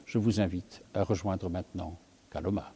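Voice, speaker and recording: A priest giving a sermon, thinking aloud with many fillers and self-corrections. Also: male voice, deep voice, fairly even intonation, moderate pace, mellow, breathy edge, long reverb tail. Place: church.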